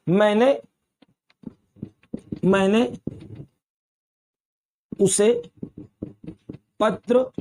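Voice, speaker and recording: A man's voice: sits high, a little mellow. A man teaching grammar, dictating examples word by word and repeating key points patiently. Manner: explains patiently and repeats key terms as questions. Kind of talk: classroom-style grammar lesson.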